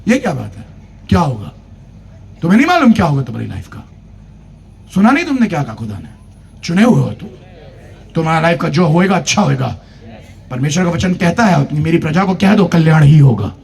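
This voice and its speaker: A man's voice: on the high side, sing-song, a little fast, creaky, long pauses, a little mellow, breathy edge. A man preaching at a church convention, telling a humorous personal story, acting out the dialogue and urging the congregation to clap. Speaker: pastor. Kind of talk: sermon.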